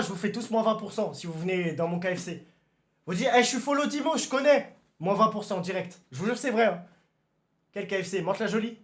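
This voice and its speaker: A young man streaming live, chatting casually with his viewers, excitable and given to sudden shouted exclamations before calming down again. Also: high-pitched. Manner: excitable, bursts into shouted exclamations then calms down. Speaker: livestreamer. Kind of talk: casual livestream chat with viewers.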